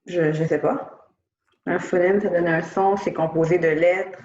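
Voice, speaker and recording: A woman's voice: on the low side, fairly even intonation, a little slow, a little mellow, a little hiss or hum. A woman student reasoning aloud tentatively as she answers the teacher's questions. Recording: echoey, dull lo-fi sound.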